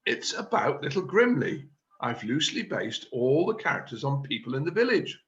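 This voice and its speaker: Guy doing a self-important amateur theatre chairman, bright punchy voice, bit higher, muffled video call sound. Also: big pitch swings, moderate pace. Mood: scheming. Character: pompous scheming man chairing an amateur drama group. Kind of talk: amateur play reading.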